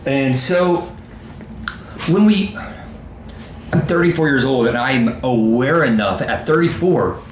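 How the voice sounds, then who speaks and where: A man's voice: medium pitch, takes it slowly, pauses often. A man in his thirties, a youth baseball coach co-hosting a casual podcast, talking with emphasis and acting out quotes. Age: 30s. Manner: animated, emphatic, quoting himself in asides. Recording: roomy echo with faint background noise.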